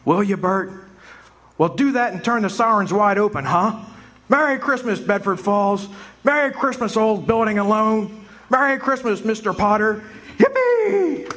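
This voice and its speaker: With a voice that sits high and a measured pace, a man plays George Bailey in a live community radio play. The husband and father he portrays is breathless and thrilled, overflowing with joy.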